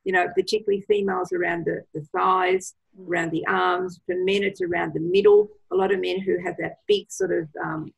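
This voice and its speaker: Woman, gravelly, husky, enthusiastic product advice, video call. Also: lowish voice, rough recording. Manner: enthusiastic, gives advice with many fillers. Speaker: product trainer. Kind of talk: casual presentation on a video call.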